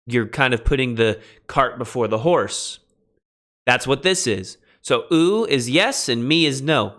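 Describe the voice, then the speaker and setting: A man teaching a lecture on biblical Greek grammar, emphatic and lively, with quick asides to his students. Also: medium pitch. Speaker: Greek instructor. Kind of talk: recorded classroom lecture.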